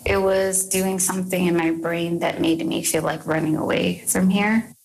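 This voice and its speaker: A young woman from Canada, interviewed and recounting her past in a halting, measured way with fillers. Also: lowish voice, little pitch movement, vocal fry, darkish tone, poor audio. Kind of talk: recorded interview recollection.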